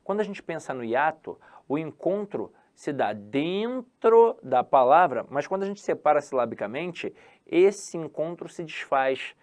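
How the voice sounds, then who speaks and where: A man's voice: on the high side, very animated, measured pace, a little mellow. A Brazilian man teaching a Portuguese grammar lesson for exam prep, stretching key words and asking and answering his own questions.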